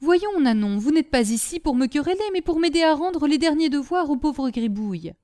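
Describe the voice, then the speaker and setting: A woman's voice: sits high, expressive, moderate pace, mellow, dry recording, studio quality, pitched above the performer's own voice. A woman reader voicing a gendarme sergeant of thirty, solemn and tender in grief, curt when pushed. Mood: impatient. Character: grieving, earnest gendarme sergeant, a man of thirty.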